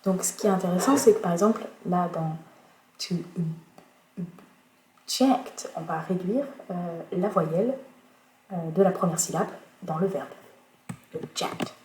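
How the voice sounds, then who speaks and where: Slow hesitant woman teaching in an echoey room. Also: lowish voice, darkish tone. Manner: slow, hesitant, many fillers and self-corrections. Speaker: English pronunciation teacher. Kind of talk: recorded video lecture. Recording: echoey room, faint noise.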